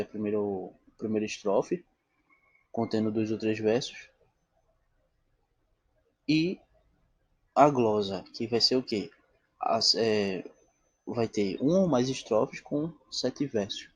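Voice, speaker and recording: Male teacher, slow deliberate lecture, low husky voice, dry close sound. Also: a little mellow, dry recording. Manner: checks in often with "tá bom?" and "né?"; asks questions and answers them himself. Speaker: literature teacher. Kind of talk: classroom-style lecture.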